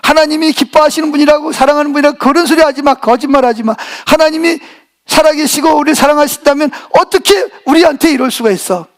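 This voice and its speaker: A man's voice: extremely high pitch, expressive, a little fast, exaggerated voice. Bitter scolding wife, as a man puts her on. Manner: scolding, shouting questions.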